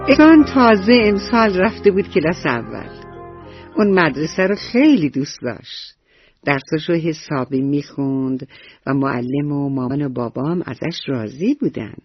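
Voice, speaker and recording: A woman storyteller gently narrating a bedtime story for children on the radio, speaking directly to the kids. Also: deep voice, animated, slightly rough, dry recording, highs cut off, soft background music. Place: radio studio.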